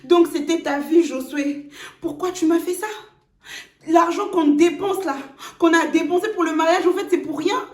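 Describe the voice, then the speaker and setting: A woman's voice: very high-pitched, normal speed. A woman playing a betrayed, accusing young fiancée. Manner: hurt, accusing. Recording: roomy echo.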